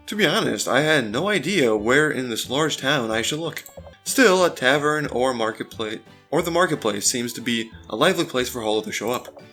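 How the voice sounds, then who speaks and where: A man hosts a let's play, alternating between narrating a visual novel's text and casual, chatty asides. His voice sits at an ordinary middle pitch. Faint game music plays beneath him. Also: fairly bright tone.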